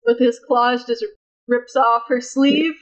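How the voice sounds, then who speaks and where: A woman playing a tabletop game, describing her character in a calm, deliberate way. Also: on the high side, rough recording. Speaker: player.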